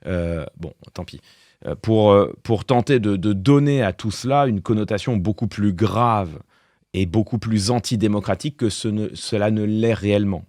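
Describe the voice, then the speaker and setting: A man's voice: fairly low pitch, normal speed, a little mellow, dry recording, clean studio sound. A man streamer giving casual live-stream commentary, thinking aloud with fillers and restarts. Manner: talks through thoughts with fillers and restarts, wry laughs.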